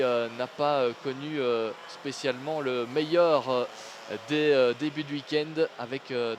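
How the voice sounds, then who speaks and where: A man working as a motorsport commentator, calling a live kart race with lots of hesitant filler sounds. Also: mid-range voice. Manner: hesitant delivery, frequently padded with drawn-out filler sounds. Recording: noisy trackside sound with engines. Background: outdoor ambience and vehicle noise.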